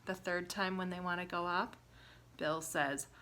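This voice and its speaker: In a fairly low voice at a measured pace, a woman teacher animatedly retells a prop-based story for young children. She speaks in simple terms, asks the listener questions, and performs exclamations.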